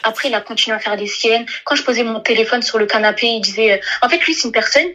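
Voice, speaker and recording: A woman's voice: on the high side, fast, sharp tone, slight background noise, low-quality recording. A young woman calling in, telling a personal story in a rambling, hesitant way with many restarts. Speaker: caller. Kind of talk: emotional phone-in confession.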